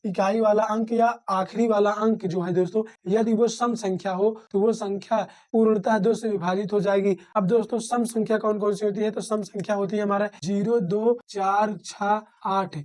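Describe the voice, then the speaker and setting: Tutorial teacher, mid pitch, walks through each step slowly, keeps checking in with "friends.". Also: steady tone, a little mellow. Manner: calls listeners "friends" often, asks and answers own questions; repeats and rephrases steps. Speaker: math teacher. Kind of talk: step-by-step math lesson.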